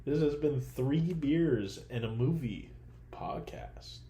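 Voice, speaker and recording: A man's voice: medium pitch, expressive, takes it slowly, dark tone, reverberant, a little hiss or hum. A young man co-hosting a casual movie podcast, laughing often and swearing freely, recorded on a laptop microphone. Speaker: podcast co-host. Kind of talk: casual chat.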